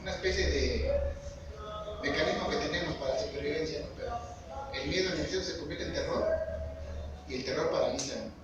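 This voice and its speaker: A man's voice: fairly high pitch, fairly quick, long pauses, over loud music. A man preaching a sermon, earnestly asking the congregation questions. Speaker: lay preacher. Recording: echoey hall, far-off mic, background noise.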